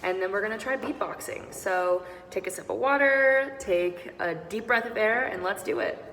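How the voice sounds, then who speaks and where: A woman's voice: medium pitch, moderate pace, fairly bright tone, soft background music. A young woman singing teacher giving an upbeat online beatboxing lesson, walking learners through each sound step by step. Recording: roomy echo with long reverb and faint noise.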